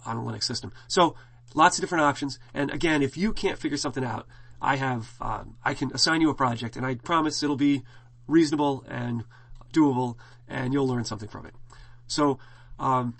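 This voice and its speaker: A middle-aged man teaching a college class, talking in a loose, rambling way with lots of "uh"s and false starts. His throat is scratchy, and his voice sits at an ordinary middle pitch for a man. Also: fairly bright tone. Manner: casual, rambling, frequent fillers and restarts. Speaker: college instructor. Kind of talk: classroom lecture.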